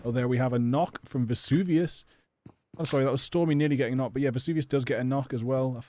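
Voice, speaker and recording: Speaking quickly in a steady, mellow medium-pitched voice, with no echo, an English stream host and esports caster rambles casually through live game commentary. He sounds chatty yet a bit hesitant, recording at home or in a personal studio.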